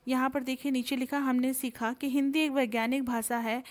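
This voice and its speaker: A woman teacher with an Indian accent, her voice sitting a little high. She takes young pupils through a grammar lesson patiently, repeating each point and calling them "beta". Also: little pitch movement, a little fast. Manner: patient, repetitive, calls students "beta". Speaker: Hindi teacher. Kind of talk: classroom lesson to children. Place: school.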